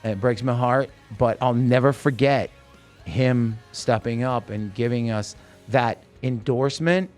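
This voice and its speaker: A man's voice: mid-range voice, unhurried, soft background music. A man telling a long backstage story in a casual interview, acting out the people he quotes. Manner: animated anecdote teller, acts out quoted voices. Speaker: guest musician.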